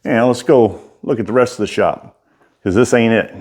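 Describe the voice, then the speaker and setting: A man's voice: medium pitch, normal speed, darkish tone. A middle-aged American man giving a casual, rambling walk-through tour in folksy, informal speech, talking out of the side of his mouth. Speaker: writer and bladesmith giving a workshop tour.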